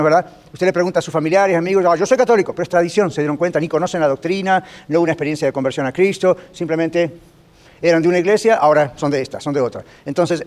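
A man's voice: on the high side, darkish tone. A man, a pastor, teaching a Bible class to his congregation in a sermon-style talk, conversational, often asking the listeners questions. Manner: rapid, conversational, asks the audience questions often. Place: large rented gym used for church meetings.

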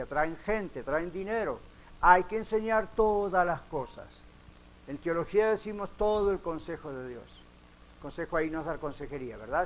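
A man preaching as pastor, telling stories with acted quotes. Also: high-pitched. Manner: lively storytelling with acted quotes. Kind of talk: sermon.

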